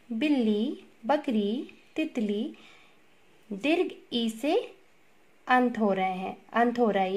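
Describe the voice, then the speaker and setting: A woman teaching a grammar lesson to young children, drilling words one by one for them to repeat back. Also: fairly high pitch. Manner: slow, drawn-out call-and-repeat drilling of words.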